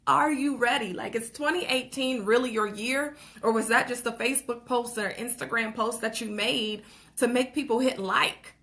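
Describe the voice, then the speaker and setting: A young woman with a slightly high voice delivers a fired-up motivational talk, preaching about goals and action. She repeats calls to act, slips in short laughs and keeps asking "okay?" to check her listeners are with her. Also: fairly even intonation, normal speed, a bit bright. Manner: laughs between phrases, says "okay?" and "like" often. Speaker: motivational vlogger.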